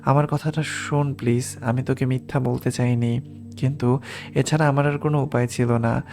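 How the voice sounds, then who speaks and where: A man's voice: medium pitch, level tone, moderate pace, creaky, a little mellow, natural voice. A man voicing a desperate young woman who begs insistently, in an audiobook reading. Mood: pleading. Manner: begging, insistent.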